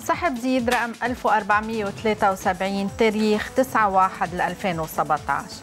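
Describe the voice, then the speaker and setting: A woman's voice: mid-range voice, quick pace, a bit bright, faint music behind. A middle-aged woman with a Lebanese accent formally announcing lottery draw numbers in a TV studio.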